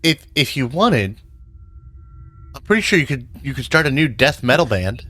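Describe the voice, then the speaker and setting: A man chats casually as a player in a tabletop game. His voice sits at an ordinary middle pitch as he banters in and out of the game. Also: very animated, moderate pace, bright, forceful tone.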